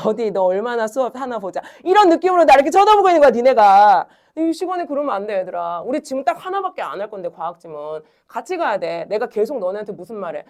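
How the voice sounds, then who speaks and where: A middle-aged woman teaching a high school Korean class, chatty and animated, telling a story and acting out her students' grumbles before going back to the lesson. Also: fast, few pauses.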